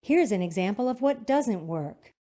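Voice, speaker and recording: A woman narrates a teacher-training video in a calm, instructive voice. Her intonation moves a lot, and her tone is mellow. The recording sounds dull and lo-fi. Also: mid-range voice, normal speed. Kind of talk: scripted narration.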